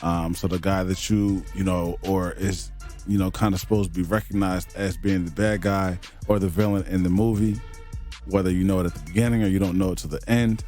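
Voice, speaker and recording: A man's voice: low-pitched, steady tone, fairly quick, a little mellow, soft background music. A man co-hosting a casual podcast, running down his top five villains in a laid-back, drawling way. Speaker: podcast co-host.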